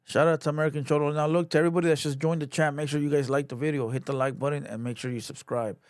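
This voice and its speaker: A man's voice: on the high side, fairly even intonation, rapid-fire, darkish tone, dry recording, studio quality. A man casually chatting on his livestream, loose and slangy, with lots of "you know" and "bro". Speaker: livestream host.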